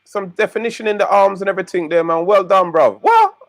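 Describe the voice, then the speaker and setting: Jovial man, higher voice, dry sound. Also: fairly quick, no echo. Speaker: guest. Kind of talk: casual banter.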